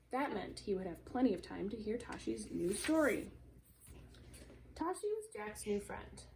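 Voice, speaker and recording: A woman's voice: fairly high pitch, a little mellow, a little hiss or hum, poor audio. A woman reading a chapter book aloud to a young child, stopping to explain words.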